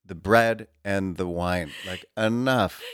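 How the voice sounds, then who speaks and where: A man's voice: low voice, slow, fairly bright tone, clean tone, dry recording. A man co-hosting a comedy podcast in casual comedic chat, with dry, wry asides. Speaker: podcast co-host.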